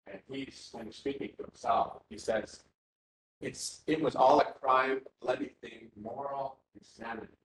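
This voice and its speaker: A Finnish man gives an academic workshop talk at a conference, speaking in a university seminar room. His mid-range voice is slightly bright and fairly even in intonation, and he goes unhurriedly but hesitantly, with many fillers and restarts. The recording carries a roomy hall sound, faint ambience, and a little hiss or hum.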